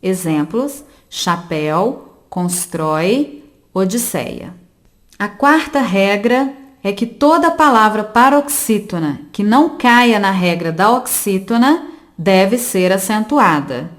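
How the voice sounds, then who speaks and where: A woman reading a grammar lesson aloud for an audiobook, slowly and carefully, spelling out each example word by word. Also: mid-range voice, expressive. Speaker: volunteer reader of an audiobook lesson.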